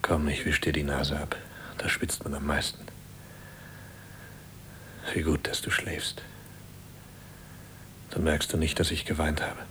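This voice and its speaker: A gentle husband who speaks softly. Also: male voice, a bass voice, flat delivery, a little slow, pauses often. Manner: gentle, hushed, often whispered. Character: devoted husband caring for his dying wife. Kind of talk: German radio play.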